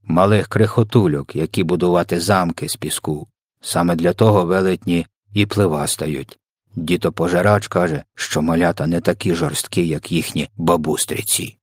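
Man reading as a kindly big giant, low and quiet, husky, jumbled words, audiobook. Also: steady tone, moderate pace, no room sound, clean studio sound. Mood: explaining. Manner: soft, muddled, made-up words. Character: kindly big male giant, soft-spoken, mangles words.

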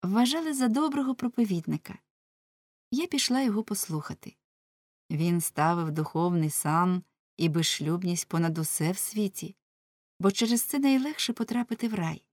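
A repentant wife, tender and once a beauty, as a woman reading a storybook voices her. She pleads softly and earnestly. The sound is close and dry. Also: medium pitch, normal speed, no room sound, close to an everyday voice. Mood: calm.

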